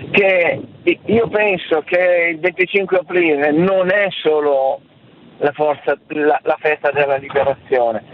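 A man in his seventies calling in to a radio show over the phone, speaking earnestly and repeating key phrases slowly. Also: a little high. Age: 70s. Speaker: radio call-in listener. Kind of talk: impassioned phone-in comment. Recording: tinny phone line with faint noise.

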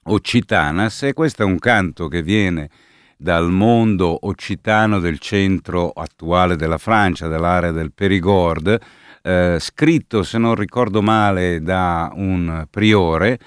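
Man, very low voice, unhurried, thoughtful explainer, dry close sound. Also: clear, resonant tone, dry recording. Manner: thoughtful, searches for words while explaining. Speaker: folk music presenter. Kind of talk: unscripted explanatory talk.

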